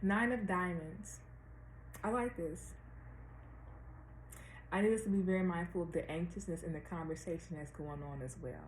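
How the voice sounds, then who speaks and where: An American woman talking slowly and deliberately with a slight retainer lisp, giving casual spiritual guidance to viewers and repeating phrases for emphasis. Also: lowish voice. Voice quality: slightly lisped speech from wearing a dental retainer. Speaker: tarot reader and astrologer hosting a weekly series. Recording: roomy echo with faint background noise.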